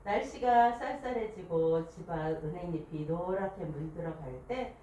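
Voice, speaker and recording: A woman's voice: on the low side, normal speed, mellow. A woman reading a picture book aloud to a small group, telling it expressively and asking the listeners questions. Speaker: picture book reader at a book club. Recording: echoey room, distant mic, faint hiss.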